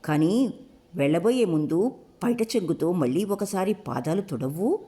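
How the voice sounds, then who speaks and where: Taunting hurt young man, read by a woman narrator, mellow tone, audiobook. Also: on the low side, expressive, normal speed, lightly acted. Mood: sarcastic. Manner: taunting, sarcastic. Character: mocking hurt young man, sarcastic lover. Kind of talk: audiobook character voice.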